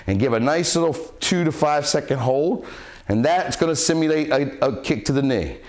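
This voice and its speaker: A man's voice: fairly high pitch, moderate pace. A man coaching a martial arts cardio workout, a little out of breath as he demonstrates the kicks. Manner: breathes sharp huss sounds on strikes while demonstrating. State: slightly out of breath from exercising. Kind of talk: instructional workout talk.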